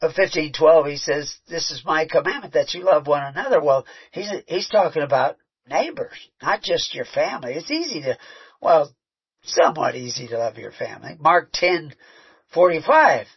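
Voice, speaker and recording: A man's voice: fairly high pitch, expressive, normal speed, husky. A man preaching a sermon, mixing scripture with a conversational personal story and frequent restarts. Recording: muffled, lo-fi recording.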